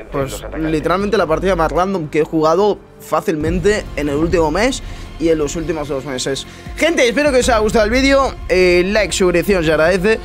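Higher-pitched man narrating gameplay. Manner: incredulous, muttering asides to himself. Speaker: gaming YouTuber. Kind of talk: casual gameplay commentary.

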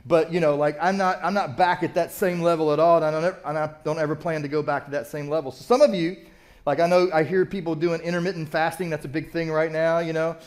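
A man's voice: a little high, fairly even intonation, quick pace. Chatty older man preaching a sermon. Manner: conversational, self-deprecating storytelling. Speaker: pastor. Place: church sanctuary.

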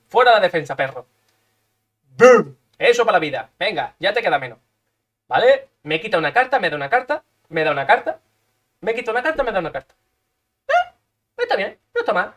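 Rowdy, foul-mouthed man. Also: high voice. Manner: swears a lot, chants and shouts at the game; swings from quiet muttering to loud excited yelling. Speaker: streamer. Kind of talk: live gameplay commentary.

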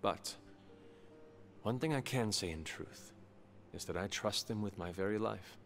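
A low, solemn formal mentor. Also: male voice, faint music behind. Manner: formal, measured, avoids contractions. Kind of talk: video game voice acting.

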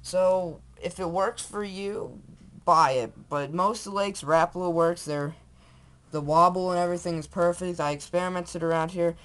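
A man's voice: high-pitched, moderate pace, a bit bright, smooth. A young man rambling enthusiastically while showing off fishing lures on a handheld camera at home, with lots of fillers and restarts. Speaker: fishing vlogger. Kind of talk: casual off-camera product show-and-tell. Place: small room indoors at home. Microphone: handheld camera built-in mic.

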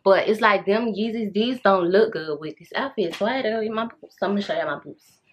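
A woman's voice: medium pitch, fast talker. An American woman in her thirties vlogging casually, chatting in slangy girl-talk to her viewers. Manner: slangy, girl-chat way of talking, addressing viewers as y'all. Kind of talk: casual chatty get-ready-with-me vlog. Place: bedroom at home, indoors. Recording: dull audio with room noise.

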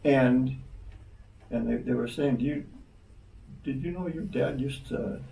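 Older man reminiscing, gravelly and distant. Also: medium pitch, dark tone, reverberant. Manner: halting, many restarts. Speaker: interview guest. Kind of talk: reminiscing conversation.

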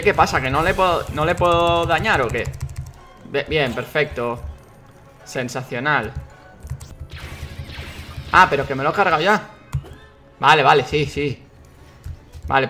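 A young man commentates a video game, excitable and quick to swear and shout at what happens on screen. His voice sits a little high for a man. Faint game music plays underneath. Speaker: gaming YouTuber. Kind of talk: let's play commentary.

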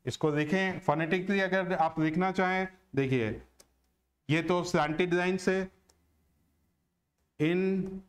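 A man teaching a lesson on word stress, slow and deliberate, who asks questions and answers them himself. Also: high voice, steady tone. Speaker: English teacher.

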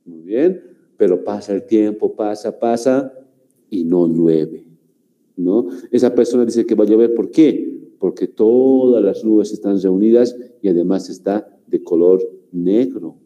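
A man from Bolivia teaching a grammar class, speaking slowly and repeating himself, forever checking in with "¿no?" and "muy bien". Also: fairly low pitch, dark tone, lo-fi sound. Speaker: language teacher.

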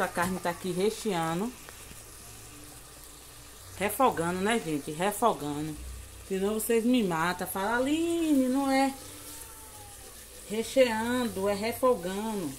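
A woman from Bahia, Brazil, speaking Bahian Brazilian Portuguese in a mid-range voice, chats casually in her home vlog while cooking in the kitchen and cooing affectionately at a baby. The audio has a slight hiss or hum.

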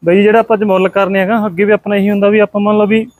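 A man's voice: sits high, flat delivery, very fast. A man with a Punjabi accent selling cows on an outdoor dairy farm, answering eagerly and politely. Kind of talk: casual sales talk.

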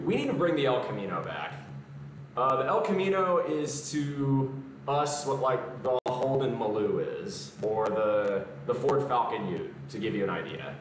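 A mid-range male voice belongs to a young Southern fitness streamer who casually answers comments between exercises while live streaming from his home gym. The camera mic sits far away, giving a roomy garage echo along with background noise.

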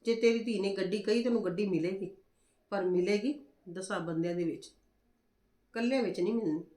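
A woman acting as a forceful older sister-in-law in a family drama, firmly reassuring a worried relative. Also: medium pitch, normal speed, reverberant, close to an everyday voice. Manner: forceful and reassuring, talks down fears.

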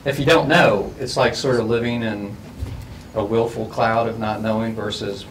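A man's voice: lowish voice, fairly even intonation. Middle-aged man questioning a student group. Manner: asks quick probing questions, playful. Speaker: discussion moderator. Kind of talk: facilitating a group discussion. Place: large school library, indoors. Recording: distant mic with faint room noise.

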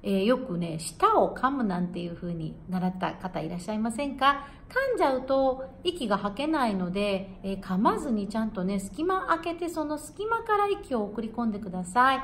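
A woman who sings jazz and coaches English pronunciation, giving a friendly, encouraging lesson and repeating each word slowly to demonstrate the sound. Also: on the high side, big pitch swings, a bit bright, slight background noise. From Japan.

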